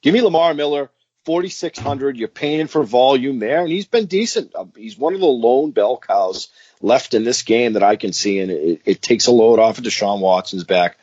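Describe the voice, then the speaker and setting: Male podcast co-host, husky, dry lo-fi sound, keen casual talker. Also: medium pitch, expressive, moderate pace, a little mellow, dry recording. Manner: enthusiastic, repeats picks with "give me". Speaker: fantasy football co-host.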